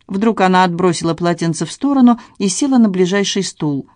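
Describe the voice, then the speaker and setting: A woman narrates an audiobook at a measured, even pace. Her voice is low, and the recording is close and dry, with no room sound around it. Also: no echo. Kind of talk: scripted narration.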